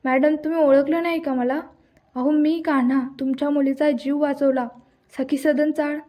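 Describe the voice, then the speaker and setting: A humble young village man who begs again and again for work, read out by a woman. The voice sits high and mellow, pleading and insistent. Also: flat delivery, moderate pace, close to an everyday voice.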